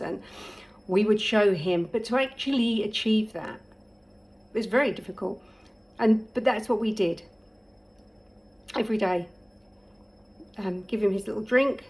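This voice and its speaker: A middle-aged woman talks casually to camera as a parent. She shares advice through stories, filling pauses with ums and breaking into small laughs. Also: mid-range voice, poor audio. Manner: warm storytelling, laughs often, many ums.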